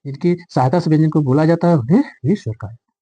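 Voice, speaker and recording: Male grammar teacher, mellow dark voice, repetitive quizzing delivery, dry close mic. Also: a little high, racing, slightly rough, no room sound. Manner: repeats key lines, quizzes the viewers. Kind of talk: Hindi grammar lesson.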